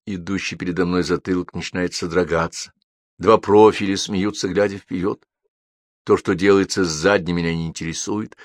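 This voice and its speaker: Man, storyteller, low voice, expressive, rhythmic, dry close sound. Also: normal speed, dry recording. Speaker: narrator. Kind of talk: literary reading.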